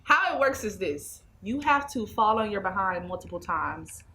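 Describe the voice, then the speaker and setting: Twenties, woman, bright tone, emphatic interview guest. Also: medium pitch, very animated, moderate pace, a little hiss or hum. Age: 20s. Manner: emphatic and preachy, repeats phrases. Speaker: interview guest, anger management specialist. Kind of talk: casual interview talk. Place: small indoor studio set.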